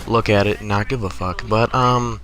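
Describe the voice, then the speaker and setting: Over gameplay, a young American man who makes gaming videos spins casual, profane, exasperated comic tales in a chatty manner. His pitch is fairly low and his intonation fairly even, with a moderate pace and a bit of brightness. The recording is rough, with noticeable background noise.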